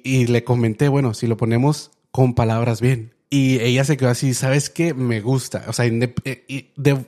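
A young man hosts his own podcast, telling a story in a relaxed, chatty monologue packed with fillers and restarts. His voice sits in the mid range with a darkish tone.

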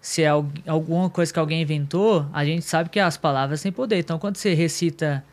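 A man guesting on a podcast who tells stories in a quick, animated way. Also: fairly high pitch. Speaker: podcast guest, horror video creator. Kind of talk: casual chat.

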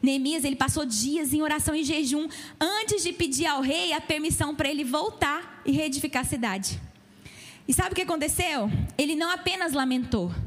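Woman pastor, middle-aged, high voice, emphatic church sermon with pointed questions to the congregation.

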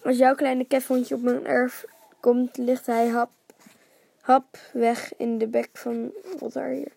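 A woman reading a children's story aloud, voicing a gruff, unfriendly old male farmer with a mocking threat. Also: fairly high pitch, level tone, slow pace, warm tone, no echo, full character voice. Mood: threatening.

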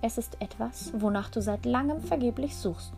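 A woman's voice: a little high, normal speed, creaky, mellow, pitched above the performer's own voice. A woman doing a crafty robber, sly, haggling, music in the background, storybook reading. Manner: sly and bargaining. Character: sly, gruff male robber.

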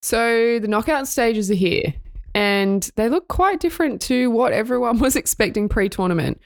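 A woman's voice: fairly high pitch, expressive, normal speed, creaky, no echo. A woman co-hosting a women's sports podcast, reading news items and laughing often. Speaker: podcast co-host. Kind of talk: casual sports podcast chat.

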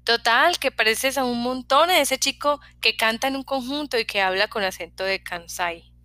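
A woman's voice: fairly high pitch, normal speed, dry recording. A woman voicing a talkative, curious young hairdresser who keeps asking questions. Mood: teasing. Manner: talkative, prying, lively questions.

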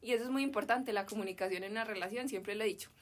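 As a podcast guest, a young Colombian woman with a Medellín Spanish accent rattles off an emotional story full of slang in rapid-fire speech. Her voice sits in the mid-range and the talk is casual.

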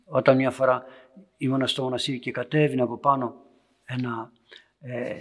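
A man's voice: medium pitch, slightly rough. A man, an Orthodox priest, giving a storytelling homily to young parents in a church meeting room, his voice swelling and then dropping to near whispers.

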